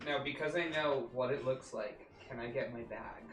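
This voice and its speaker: A man's voice: medium pitch, normal speed, heavy background noise. A man chatting casually as a player in a tabletop game. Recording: roomy, distant mic, music behind.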